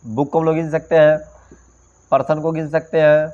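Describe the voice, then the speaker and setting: A man's voice: a little high, flat delivery, moderate pace, darkish tone. A male teacher with a Bhojpuri-tinged Hindi accent, giving a classroom grammar lecture. He asks questions and then answers them himself, and he mixes English phrases into his talk. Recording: dull lo-fi classroom recording.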